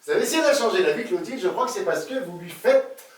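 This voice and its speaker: A man's voice: high voice, animated, fast talker, slight background noise. A man playing a flirtatious cosmetic surgeon. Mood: teasing. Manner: playful, teasing, chuckles often. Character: flirtatious middle-aged male cosmetic surgeon. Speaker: stage actor. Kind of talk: live stage comedy acting. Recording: echoey stage from far off.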